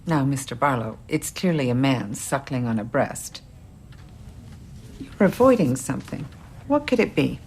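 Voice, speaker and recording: A woman playing a psychiatrist in a comedy series, blunt and clinical, with a deadpan delivery. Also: rumbling low, unhurried, pauses often, a little hiss or hum, exaggerated voice. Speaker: psychiatrist giving an evaluation. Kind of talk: sitcom acting.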